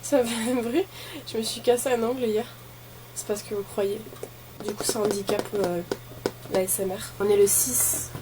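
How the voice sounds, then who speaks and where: A woman chats informally in the manner of a beauty vlogger, thinking aloud and wandering from one remark to the next. Her pitch is average for a woman. The recording carries clear ambient noise behind her. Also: little pitch movement, moderate pace. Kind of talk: casual chat while opening advent calendars.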